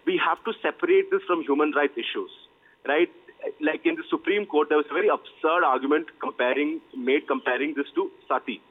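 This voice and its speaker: Indian male panelist, higher-pitched and rapid, arguing insistently over a thin phone-like connection. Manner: insistent, emphatic repetition. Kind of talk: argumentative panel commentary. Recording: tinny, phone-like band-limited line.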